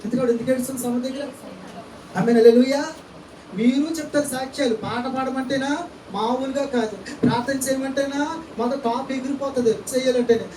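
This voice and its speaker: A man's voice: extremely high pitch, fairly even intonation, quick pace, a little mellow, slight background noise. Echoey church sermon by a preaching man. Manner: rhetorical questions and amen-hallelujah calls to the congregation. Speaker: pastor. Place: church hall. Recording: echoey church, distant mic, faint ambience.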